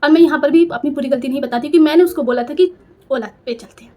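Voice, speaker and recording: Young woman storyteller with a high voice, emotional and self-reproaching. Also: quick pace, warm tone. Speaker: storyteller vlogger. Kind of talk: personal storytelling.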